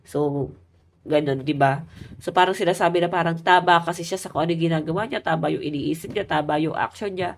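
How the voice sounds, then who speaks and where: A woman's voice: low voice, fairly quick, a little hiss or hum. A woman giving a casual love tarot reading, chatty and talking straight to her viewers, her voice stuffy and nasal from a cold. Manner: chatty, addresses viewers as guys. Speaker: tarot reader.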